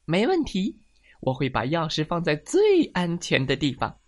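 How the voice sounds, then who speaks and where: A woman's voice: fairly low pitch, huge pitch swings, normal speed, darkish tone, pitched above the performer's own voice. A woman voicing a forgetful, fussy mother hen who exclaims and frets in a storybook reading. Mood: cheerful. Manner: flustered, exclaiming.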